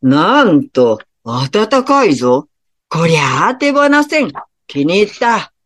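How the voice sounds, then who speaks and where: A woman voicing the gruff, commanding male king of hell in a storybook reading. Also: lowish voice, very animated, slow pace, full character voice. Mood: delighted.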